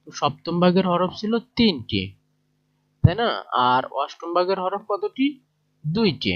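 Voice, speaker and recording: A man with a Bangladeshi Bengali accent talks through a textbook lesson, pausing to ask his listeners whether they follow. His voice sits a little high. The recording sounds dull and lo-fi. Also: expressive. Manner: plain explanatory talk with fillers and checking questions. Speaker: teacher.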